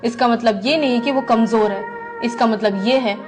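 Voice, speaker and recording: A woman's voice: a little high, moderate pace. A woman speaking an earnest reflection. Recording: music behind.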